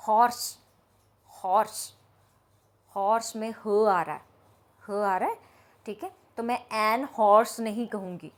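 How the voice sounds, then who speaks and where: A woman teacher, explaining grammar slowly and often checking that her students understand. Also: medium pitch. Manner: explains slowly, asks the class if they understood. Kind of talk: grammar lesson.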